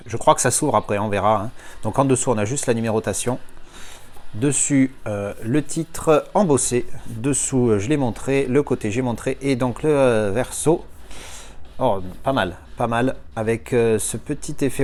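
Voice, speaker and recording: Male unboxing host at home, mid-range voice, casual and chatty with excitable outbursts. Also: mid-range voice, moderate pace. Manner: chatty, thinks aloud, bursts of excited exclamations. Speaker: collector reviewing an unboxing. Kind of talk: casual unboxing commentary to viewers.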